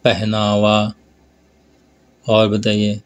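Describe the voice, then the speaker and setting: Man, teacher, low voice, very slow, board exam grammar lesson, North Indian Hindi accent. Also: monotone, clean tone. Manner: slow, drawn-out explanation with repeated prompts to look.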